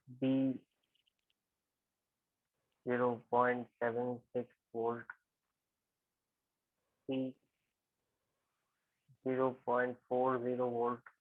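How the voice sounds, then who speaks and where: In this lecture recording, a male chemistry instructor from India solves a physical chemistry problem one step at a time, regularly making sure his students keep up with short questions. He speaks at a medium pitch in an even, teacherly way. Sound quality is tinny and phone-like, with a dry, roomless character.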